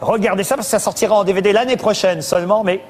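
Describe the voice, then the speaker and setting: A man's voice: high-pitched, racing, a little mellow. A man hosting a talk show, interviewing his guest and presenting items in a conversational way.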